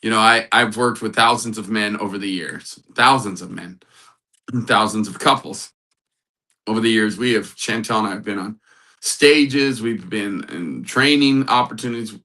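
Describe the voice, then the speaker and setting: Speaking at a moderate pace in a lowish, bright voice with a forceful edge, this US matchmaker hosts a laid-back live stream on a rough recording. He stays upbeat, welcoming chat viewers and repeating motivational lines.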